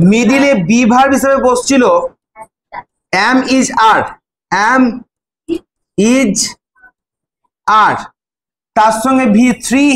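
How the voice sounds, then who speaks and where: Young male teacher, very high voice, coaxing students through drills; echoey classroom. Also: a bit bright, slight background noise. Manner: prompting students by name, repeating words. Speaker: English teacher. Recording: echoey classroom, faint ambience.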